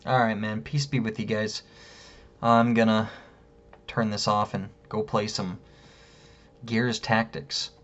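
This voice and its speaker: A man's voice: on the low side, level tone, slow, long pauses, a bit bright. A man ranting casually to camera in a room at home, heated and rambling, swearing constantly. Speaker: vlogger. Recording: dull lo-fi sound.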